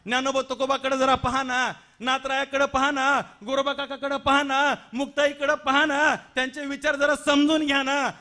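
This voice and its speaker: Male kirtan preacher, Marathi accent, very high bright voice, dramatic rhetorical delivery. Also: monotone, moderate pace, few pauses. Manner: dramatic, rhetorical questions, repetitions. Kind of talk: devotional kirtan sermon.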